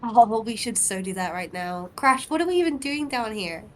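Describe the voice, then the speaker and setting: A woman's voice: a little high, expressive, normal speed. A woman playing her character in a tabletop role-playing game, talking in a bubbly, casual, teasing way. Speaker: player.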